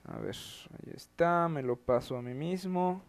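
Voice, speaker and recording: A man's voice: fairly high pitch, expressive, normal speed, vocal fry, a little hiss or hum. A man with a Mexican accent hosting an online show, giving casual live commentary in a wry, exasperated tone and swearing freely. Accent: Mexican Spanish.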